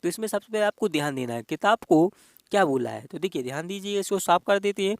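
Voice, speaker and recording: A man with a high-pitched voice walks students through an exam-prep reasoning lesson. He talks in a coaxing, repetitive way and keeps checking that the viewers follow along. The sound is dry and close. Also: expressive, fast, dry recording. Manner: repetitive, coaxing, addresses viewers as dear friends. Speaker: teacher.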